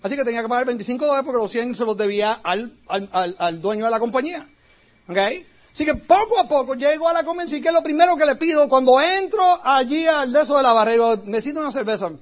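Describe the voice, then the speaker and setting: A man from Puerto Rico with a Puerto Rican accent, giving an animated storytelling talk to an audience as a motivational speaker. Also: very high voice, fast talker. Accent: Puerto Rican Spanish. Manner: animated, acts out quoted voices. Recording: dull lo-fi recording.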